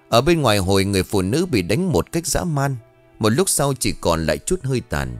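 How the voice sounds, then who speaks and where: A man narrating an audiobook story in an expressive, dramatic reading style. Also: on the low side.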